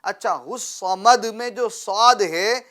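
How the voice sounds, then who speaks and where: Using call-and-response, a male teacher guides a child through Quran recitation, asking questions, getting the pupil to echo him, and giving frequent praise. He speaks in a high voice with a fairly bright tone, staying patient throughout.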